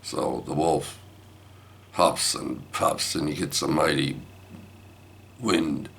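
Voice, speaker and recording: A man's voice: rumbling low, steady tone, slow pace, gravelly, a bit bright. An older man telling a rambling family anecdote, repeating himself and asking "right?". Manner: repetitive, asks listeners "right?". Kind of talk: rambling storytelling.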